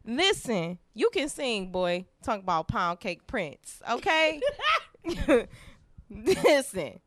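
A woman co-hosting a casual podcast chat, slangy and animated, acting out quotes with big jumps in her voice. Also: fairly high pitch, slow, no echo, clean studio sound. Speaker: podcast co-host.

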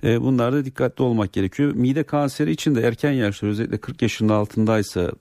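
A man's voice: mid-range voice, fast talker, warm tone, no room sound, clean studio sound. A man speaking as a doctor, explaining medical advice to callers on a radio show. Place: radio studio.

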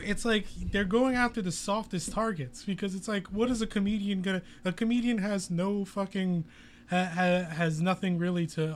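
A man in casual chat, rambling with frequent restarts and swearing. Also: high voice. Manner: rambling, profane, hesitant restarts.

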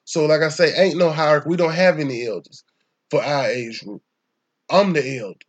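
Dull audio captures a young adult from Atlanta, Georgia, speaking with a Southern accent at a moderate pace. His voice sits a bit higher than most men's. He rambles in loose, casual talk, swearing freely and pressing his points with emphasis.

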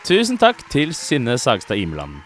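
A man's voice: mid-range voice, wildly swooping pitch, soft background music, a faint crowd. A man hosting a storytelling podcast in a dry, teasing way. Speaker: podcast host. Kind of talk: casual podcast chat.

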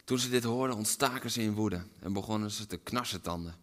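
A man preaching a sermon, dropping to hushed whispers and rising to loud, impassioned climaxes. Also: fairly low pitch, a little fast.

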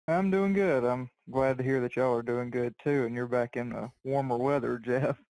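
A man's voice: medium pitch, normal speed, a little mellow, dry recording, poor audio. A man speaking as a guest on a podcast, chatting in an easygoing way and saying "y'all". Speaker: podcast guest, competitive shooter. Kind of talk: casual podcast interview.

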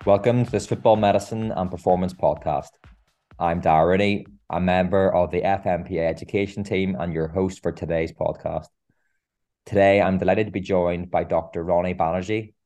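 A man's voice: low-pitched, fairly even intonation, moderate pace, warm tone, soft background music. A man hosting a podcast, reading introductions and putting questions to a guest. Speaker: podcast host. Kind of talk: scripted introduction and interview questions.

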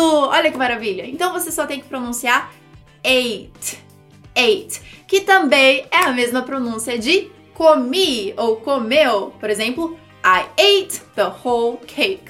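A high-pitched woman teaches English in a video lesson, taking her time and carefully sounding out each word. Her delivery is lively and demonstrative. Faint music plays underneath.

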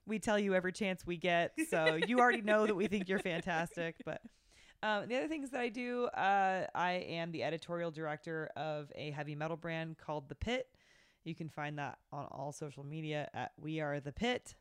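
A woman podcast host chatting casually with a friend, her voice low for a woman, smooth and clear. She sounds relaxed and affectionate and laughs often. The sound is dry and close, with no room around it. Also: moderate pace, dry recording. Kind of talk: casual chat.

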